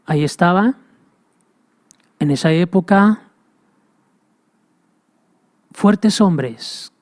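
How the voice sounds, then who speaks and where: A man's voice: fairly high pitch, a little mellow. A man preaching a sermon with passion, repeating phrases and speaking straight to the listener. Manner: impassioned, repetitive, addresses listener directly.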